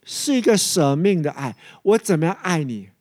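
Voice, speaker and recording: A preacher giving a sermon who tells a story with lively energy and asks the listeners rhetorical questions. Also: medium pitch, normal speed, no room sound, studio quality.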